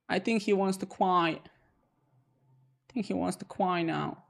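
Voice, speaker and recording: A man's voice: high-pitched, slow pace, vocal fry. A man chatting casually on a live-coding stream, mocking and taunting his viewers with a laugh and some swearing.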